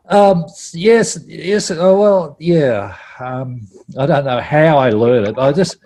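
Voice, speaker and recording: Male stage actor, husky and mellow, chatty and self-deprecating over a video call. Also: on the high side, lively intonation, takes it slowly. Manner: rambling, self-deprecating, laughs often. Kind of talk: casual video-call chat.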